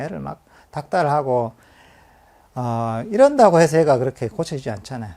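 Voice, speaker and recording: Mellow-voiced monk giving a talk. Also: male voice, mid-range voice, gravelly. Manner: conversational teaching with acted inner-voice quotes and light laughter; frequent fillers and restarts. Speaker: Buddhist monk teaching meditation. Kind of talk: meditation lecture.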